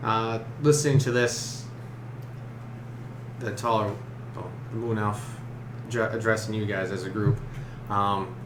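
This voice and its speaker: A man narrating a tabletop role-playing game as game master, halting and searching for his words. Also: on the low side, fairly even intonation. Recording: roomy, echoey, noisy room recording.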